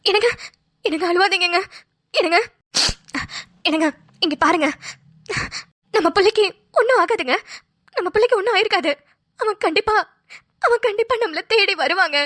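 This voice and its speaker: A woman's voice: very high voice, lively intonation, moderate pace, long pauses, fairly bright tone, no room sound, clean studio sound. A woman voicing a loving middle-aged mother in a cartoon, soothing and reassuring her husband through tears. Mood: consoling. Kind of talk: cartoon voice acting.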